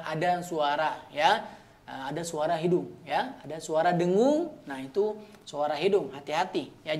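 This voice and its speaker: A man teaching Quran recitation, patiently repeating sounds and checking in with "ya" after each point. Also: sits high. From Indonesia. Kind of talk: slow step-by-step recitation lesson.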